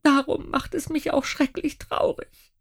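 A man's voice: very high voice, flat delivery, a little slow, gravelly, fairly bright tone, voice pushed up, exaggerated voice. A man voicing an indignant middle-aged woman train conductor who sobs and then snaps back. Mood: tearful. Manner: sobbing then snapping indignantly.

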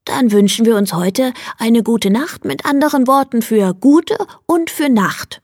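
A woman voicing a gentle, curious young hare in a bedtime story, speaking softly and slowly. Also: on the high side, expressive, no echo, clean studio sound, voice pushed up. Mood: cozy.

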